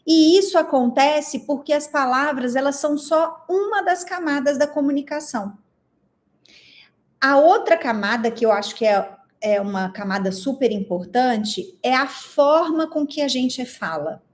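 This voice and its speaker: A fairly high-voiced Brazilian woman leads a live online class. She speaks expressively and keeps turning to her audience with questions about what they write in the chat. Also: lively intonation, a little slow. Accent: Brazilian Portuguese. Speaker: instructor.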